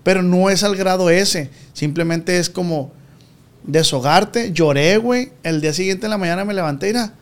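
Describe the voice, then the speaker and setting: A Mexican man chatting on a podcast, his voice sitting a bit higher than most men's. He talks in a slangy, confiding way and keeps sinking into a quiet murmur. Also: normal speed, clear, resonant tone. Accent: Mexican Spanish. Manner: slangy, confiding, drops to a low murmur often. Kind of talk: casual chat.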